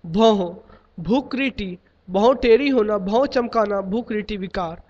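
High-voiced man reading idioms in a list. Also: measured pace. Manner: steady list-reading cadence. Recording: dull lo-fi recording.

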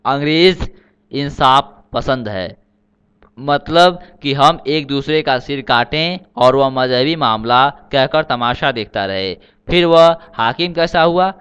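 A man's voice: mid-range voice, slow pace, a bit bright, clean tone, dull audio. A man voicing an earnest young man who reasons patiently for unity in a storybook reading.

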